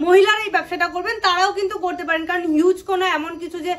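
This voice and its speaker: A woman's voice: steady tone, rapid-fire. A woman, representing a machine maker and giving an upbeat, persuasive promotional talk during a demonstration. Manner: upbeat, persuasive sales pitch.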